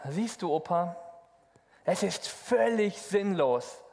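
A man's voice: sits high, expressive, takes it slowly, gravelly, a little mellow, full character voice. A man voicing a frustrated young boy in a hall. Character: frustrated young boy asking his grandpa. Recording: long hall reverb.

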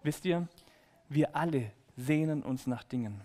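Brief: male children's preacher, high voice, playful and direct, echoing church hall. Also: measured pace. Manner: lively, playful, talking directly to kids. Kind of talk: children's sermon. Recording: echoey hall reverb.

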